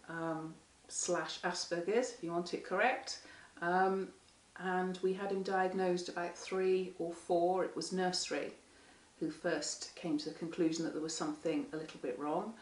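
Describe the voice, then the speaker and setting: A hoarse woman, a parent carer, tells her story frankly in a fairly low voice. She sits back from the microphone, so the room rings around her. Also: a little mellow, a little hiss or hum. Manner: frank, candid storytelling that acts out quoted speech. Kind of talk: interview testimony. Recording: echoey room, mic far off.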